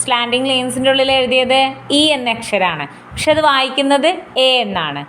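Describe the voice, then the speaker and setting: A woman with a Malayali accent, teaching a phonetics lesson slowly and repeating example words, often checking the class understood. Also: sits high, fairly bright tone. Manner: slow and repetitive, asking "clear?" and repeating example words. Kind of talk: explaining a lesson in Malayalam with English terms. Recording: echoey room with faint background noise.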